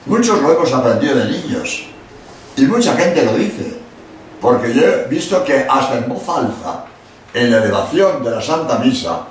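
Older Spanish priest in an echoey hall. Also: male voice, medium pitch, moderate pace. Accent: Spain Spanish. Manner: animated, acts out quotes, emphatic asides. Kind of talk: religious lecture. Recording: echoey hall from far off with faint noise.

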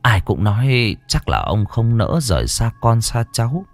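A man narrating a ghost story dramatically, with long pauses. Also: medium pitch, sing-song, soft background music.

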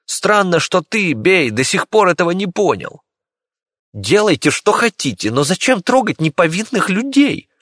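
A man's voice: high voice, big pitch swings, normal speed, a bit bright, no room sound, studio quality, voice pushed up, full character voice. A man voicing a frightened, kindly village doctor who pleads anxiously.

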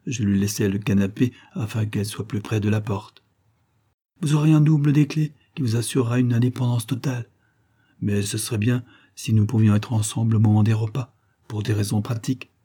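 A man reading a first-person novel aloud in a measured, wry storytelling manner. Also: on the low side, mellow, husky. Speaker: audiobook narrator.

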